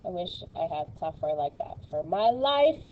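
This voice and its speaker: A woman's voice: fairly low pitch, big pitch swings, normal speed, dull audio, slight background noise. A woman teaching a recorded math lesson, chatty and playful, with lots of fillers.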